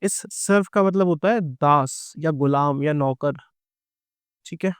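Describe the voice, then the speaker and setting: A middle-aged man with an Indian English accent teaches English grammar to exam students, explaining slowly and patiently and posing questions to the class that he answers himself. He checks in with "है ना" and "ठीक है" and calls students "बेटा". His smooth, resonant voice is a little higher than most men's, recorded close and dry.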